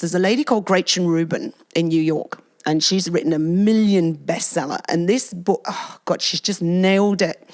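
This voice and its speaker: Energetic woman guest explaining at length. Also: mid-range voice. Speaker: podcast guest. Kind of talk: casual podcast chat.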